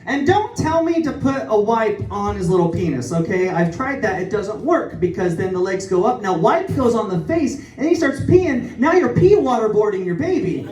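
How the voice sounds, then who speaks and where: A young man doing a self-deprecating, rambling stand-up comedy set on a club stage, with animated asides. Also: sits high, moderate pace, few pauses. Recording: echoey club from far off, with crowd. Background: audience laughter.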